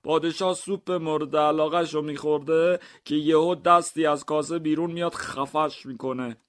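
A man's voice: a little high, steady tone, natural voice. A man voicing a museum guard and an inspector in a comic mystery story reading, speaking matter-of-factly and questioning firmly. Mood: earnest. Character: museum guard and inspector, plain grown men.

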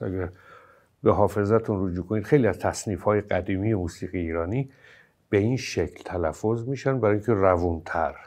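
Low-voiced male lecturer, patient explainer who leans on example syllables. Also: creaky, darkish tone. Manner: explanatory, stresses example syllables with hesitant fillers. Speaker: teacher of Persian poetry. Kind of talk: lecture on poetic meter.

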